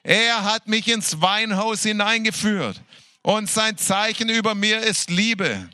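A man's voice: sits high, expressive, bright, forceful tone, no echo, studio quality. Fervent man reading scripture in worship. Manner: fervent, exclaiming hallelujahs, laughing between verses; slow, drawn-out delivery. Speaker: worship leader.

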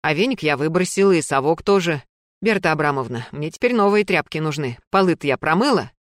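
A woman's voice: low voice, expressive, fairly quick, no room sound, studio quality. A woman reading a story, voicing a blunt, plain-spoken female cleaner who grumbles in brusque colloquial speech.

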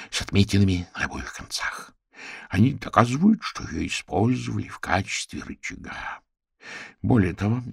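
A man's voice: lowish voice, gravelly, darkish tone, slightly rough, no room sound, clean studio sound, heavily acted. A man voicing a learned old owl professor.

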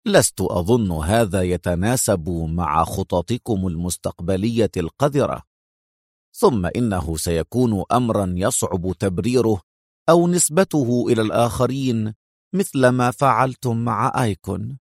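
A man voicing a calm, menacing male general who talks slowly in sarcastic, mocking tones, pitched below his own voice. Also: dry recording, clean studio sound.

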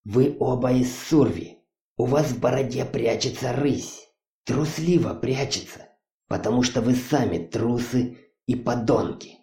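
A man voicing a vengeful young male healer with low, hushed intensity, on a muffled, roomy recording. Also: unhurried, lightly acted. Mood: contemptuous. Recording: muffled distant roomy recording, faint music.

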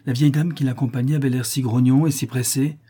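Male reader doing a plaintive young Parisian working girl, mellow and husky. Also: fairly even intonation, fast, lightly acted. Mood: eager. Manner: tender, plaintive, lifting into a higher voice. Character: young working Parisian woman, sweet and worried. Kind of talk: audiobook character reading.

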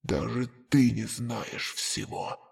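A woman voicing a dying, scaly male villain counselor whose words echo distantly inside another's mind, slow and ominous. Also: very deep voice, steady tone, vocal fry, a little mellow, slightly rough, voice pushed down, exaggerated voice. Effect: distant echoing voice inside a mind. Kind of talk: audiobook character voice.

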